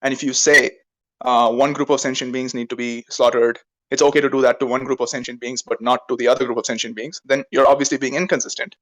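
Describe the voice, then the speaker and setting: A man argues fast in an online voice chat, his words running close together. He is insistent and keeps checking with "right?" as he leans on formal logic. His voice sits in an ordinary middle pitch. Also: level tone, fairly bright tone, low-quality recording. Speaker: debater. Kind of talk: heated online debate.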